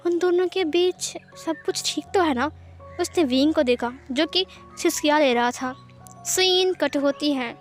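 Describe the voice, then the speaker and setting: A woman's voice: high voice, unhurried, soft background music. A woman narrating a fan fiction story, reading it in a plain storytelling manner. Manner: plain storytelling with many speech tags.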